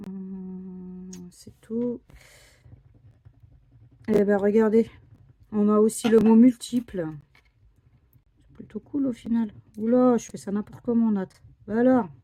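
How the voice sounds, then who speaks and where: Slow, husky woman, half-whispering. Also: medium pitch, steady tone, warm tone. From France. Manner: slow, murmuring, often drops to a whisper. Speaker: scratch card vlogger. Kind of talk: casual scratch card commentary.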